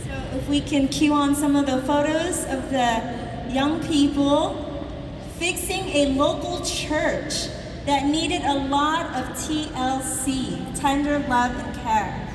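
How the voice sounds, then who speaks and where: A woman's voice: high voice, steady tone, slow pace, noisy background. A woman interviewing a guest on a conference stage, leading the talk and summing up the answers. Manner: leading, summarizing, prompting questions. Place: large convention hall. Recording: echoey hall, distant mic, music.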